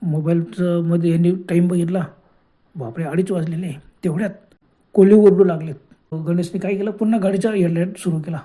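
A man's voice: sits high, fairly even intonation, a little fast, dark tone. A man narrating a horror story in a dramatic way, often exclaiming in fright.

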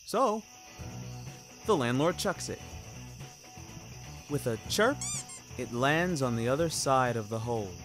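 This fiction podcast narrator speaks with medium pitch and expressiveness, taking his time and leaving long pauses. He tells a scripted first-person story in a wry, theatrical, ornate way, over a bed of music.

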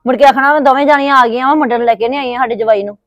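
An actress playing a worried, argumentative middle-aged village aunt with a Punjabi accent. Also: female voice, sits high, dry recording, muffled recording, natural voice. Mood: insistent. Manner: quick, arguing, worried. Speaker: aunt of the son.

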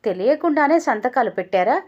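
A woman's voice: high-pitched, expressive, fairly quick, darkish tone, dull audio, voice pushed up. Stern male tax official, put on by a woman, angry, threatening, storybook reading.

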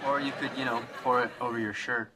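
A man's voice: mid-range voice, steady tone, quick pace, very noisy, natural voice. An actor playing a cocky, smug young man in a sitcom. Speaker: sitcom character. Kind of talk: sitcom dialogue.

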